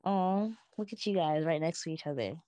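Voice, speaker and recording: Low-voiced woman hosting a podcast. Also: fairly quick, no echo. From United States. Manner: relaxed, encouraging interviewer. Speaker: podcast host. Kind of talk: casual podcast chat.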